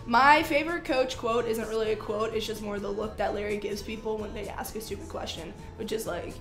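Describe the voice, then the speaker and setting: Young woman laughing thru her story, bit high, echoey with music. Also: brisk. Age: young adult. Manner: giggly, animated. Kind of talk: casual chat. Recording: echoey room with music behind.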